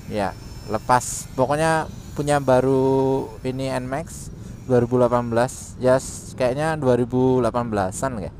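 A man giving casual motovlog commentary while riding a scooter in city traffic, chatty and quick to exclaim, recorded on a helmet intercom mic. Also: medium pitch, darkish tone. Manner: chatty, exclaims often, laughs between remarks. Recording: wind and traffic noise.

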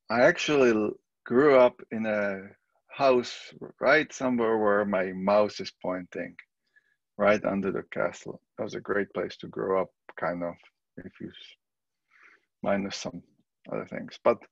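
A middle-aged man from the Czech Republic with a Czech accent, giving a relaxed, conversational recorded statistics lecture. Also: fairly low pitch, unhurried, vocal fry, long pauses, dry recording, muffled recording. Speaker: statistics professor.

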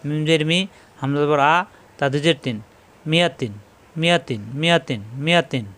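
Man drilling syllables, slightly high voice. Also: a bit bright. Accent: Bangladeshi Bengali. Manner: slow repetitive drilling, repeating each word several times; gives pronunciation corrections. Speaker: Quran reading teacher. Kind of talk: spelling drill lesson.

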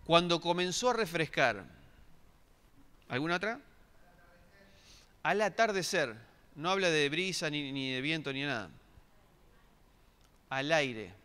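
Pastor guy, middle aged, kinda high bright voice, asks the crowd stuff, lots of restarts, big churchy reverb. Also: lively intonation, a little slow, long pauses, clean tone. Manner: asks the congregation questions, many restarts. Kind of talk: interactive sermon. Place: church hall. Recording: long reverb of a church hall.

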